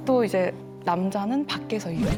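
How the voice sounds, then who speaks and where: A woman in her twenties, a guest on a talk show, telling her life story calmly and openly. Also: mid-range voice, normal speed, over music. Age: 20s. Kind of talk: casual TV talk show conversation.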